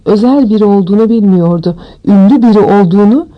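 A woman narrating an audiobook with steady, expressive storytelling. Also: mid-range voice, fast, highs cut off.

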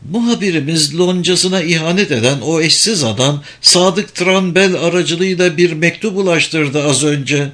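A man's voice: a little high, moderate pace, few pauses, fairly bright tone, pitched above the performer's own voice, natural voice. A man putting on a silky, scheming woman. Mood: honeyed scheming.

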